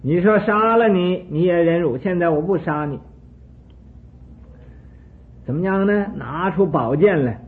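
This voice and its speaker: A man voicing a jealous, hot-tempered ancient king who shouts scornful challenges, in a retold sermon story. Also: sits high, unhurried, pauses often, pitched above the performer's own voice. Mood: angry, taunting. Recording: tinny phone-like sound with faint hiss.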